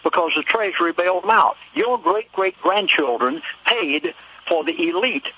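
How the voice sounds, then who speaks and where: A man speaking as a guest on a talk radio show, urging listeners directly and talking fast. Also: sits high, animated, bright, forceful tone, husky. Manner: urgent, preachy, addresses listeners directly. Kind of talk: radio interview. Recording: lo-fi phone line.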